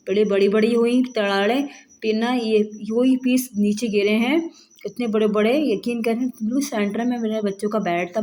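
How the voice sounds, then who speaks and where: A woman's voice: medium pitch, darkish tone. A woman in her thirties from Pakistan, telling a personal story in an earnest home vlog, filming on a handheld phone indoors and often stressing "believe me". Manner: earnest, emphatic retelling, often repeating "believe me". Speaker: vlogger, mother.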